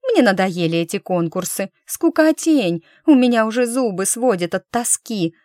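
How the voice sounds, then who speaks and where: A woman voicing a naive, whiny young noblewoman in a high, childish and emphatic voice. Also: sing-song, a little slow, a little mellow, no room sound, studio quality. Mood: naive whining.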